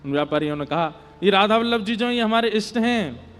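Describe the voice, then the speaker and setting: A man telling a devotional story in a sermon, emotive, his voice swelling louder on devotional lines. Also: sits high, animated, fairly quick. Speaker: Bhagavat storyteller. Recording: long hall reverb.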